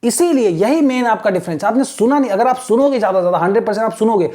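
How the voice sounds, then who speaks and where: Mellow-toned male teacher, earnest online lecture full of rhetorical questions. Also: high-pitched, animated, very fast. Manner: explanatory, frequent rhetorical questions and check-ins. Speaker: exam-prep English teacher.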